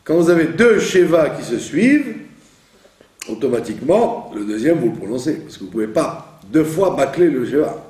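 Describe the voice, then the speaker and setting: Man teaching, lively voice, echoey room. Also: fairly high pitch, normal speed, recorded from a distance. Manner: explains patiently, repeats words, checks understanding. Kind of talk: teaching Hebrew prayer reading.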